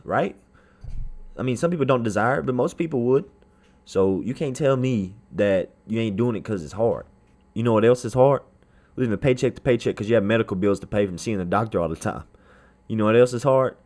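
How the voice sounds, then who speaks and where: A man's voice: medium pitch, a little mellow. A man hosting a motivational podcast, speaking straight to the listener in an emphatic, repetitive, colloquial way. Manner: informal, colloquial phrasing. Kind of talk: motivational speech.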